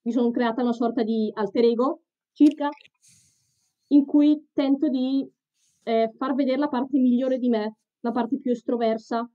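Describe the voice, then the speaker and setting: A woman's voice: on the high side, steady tone, unhurried. A woman in a costume, speaking through its head on a video chat, earnestly explaining at length. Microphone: video chat mic. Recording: dull lo-fi video chat audio.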